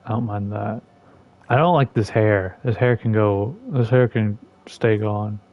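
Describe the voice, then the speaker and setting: Playing through a game, a man who makes gaming content complains sarcastically in a casual, exasperated tone, his pitch and volume swinging lively. He talks a little slowly, and the audio has phone-quality sound.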